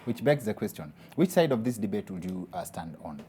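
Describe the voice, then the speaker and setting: A man with a Kenyan accent hosting a talk show debate, putting questions to the panel in a measured way. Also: on the low side, very animated, warm tone, slight background noise. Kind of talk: moderating a debate.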